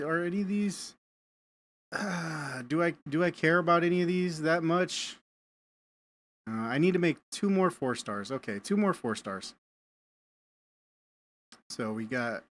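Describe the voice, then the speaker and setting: A man live-streaming a game, chatting casually with viewers and often repeating words as he thinks aloud. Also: on the high side. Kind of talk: casual live-stream chat while gaming.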